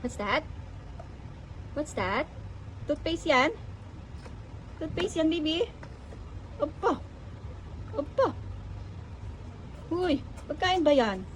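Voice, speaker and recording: A woman's voice: high voice, sing-song, extremely slow, long pauses, a little hiss or hum. A woman filming a casual family vlog, talking to her toddler in coaxing baby talk, calling out and cooing.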